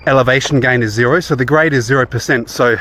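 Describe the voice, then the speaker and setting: A man's voice: mid-range voice, quick pace, a bit bright. An Australian man chatting casually in a running vlog, recorded outdoors. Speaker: running vlogger. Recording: clear outdoor background noise.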